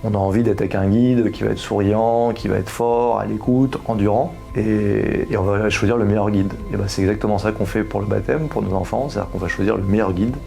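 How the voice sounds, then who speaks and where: A man's voice: on the low side, fairly even intonation, brisk, creaky, few pauses, warm tone, faint music behind. A man in his thirties giving an earnest personal testimony, explaining his views with homely comparisons. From France. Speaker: husband giving a faith testimony.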